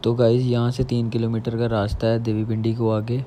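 A young vlogger from Jammu, India, gives casual travel commentary, pointing out the surroundings from a motorbike and a hillside trail. His mid-range, warm voice is monotone and a little fast, and the outdoor recording is noisy.

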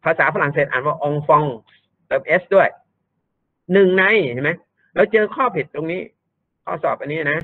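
A man's voice: on the high side, animated, fairly quick, long pauses, no echo. A man tutoring an English grammar lesson, explaining step by step and often repeating his words. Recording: thin phone-like dry sound.

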